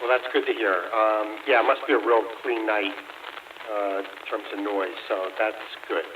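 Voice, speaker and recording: A man's voice: fairly low pitch, flat delivery, moderate pace. An older man chatting casually over a CB radio, friendly and easygoing, using radio lingo. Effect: heard over a CB radio. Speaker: CB radio operator. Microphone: CB radio handset. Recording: distant, phone-thin CB radio with loud static.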